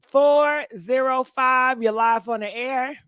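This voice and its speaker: A woman's voice: sits high, slow pace, fairly bright tone, smooth, dry recording. A woman hosting a live call-in show, teasing the caller in a playful, slangy way. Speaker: radio host.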